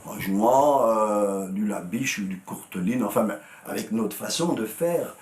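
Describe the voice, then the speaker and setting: An older Belgian man with a Walloon accent tells anecdotes in a gravelly, low voice. He acts out the dialogue as he goes, and the room adds a noticeable echo. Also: animated, measured pace, a little mellow. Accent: Walloon Belgian French. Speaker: interviewee. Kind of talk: storytelling interview. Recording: roomy echo.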